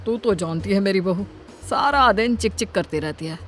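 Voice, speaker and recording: A woman voicing a weary, grumbling middle-aged brother in an animated story. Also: medium pitch, normal speed, soft background music, pitched below the performer's own voice, natural voice.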